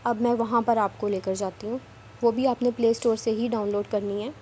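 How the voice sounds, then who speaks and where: Woman with a mellow voice giving app instructions. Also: fairly high pitch, fairly even intonation, fairly quick, a little hiss or hum. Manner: repetitive, instructive, a bit scolding. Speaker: online work trainer. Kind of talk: screen-recorded tutorial.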